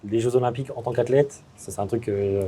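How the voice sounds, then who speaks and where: A man hosting a podcast talks quickly with a very dark, mellow voice. He keeps the guest going with quick affirmations and follow-up questions. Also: mid-range voice, fairly even intonation. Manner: encouraging listener, short affirmations. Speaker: podcast host. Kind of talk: conversational podcast interview.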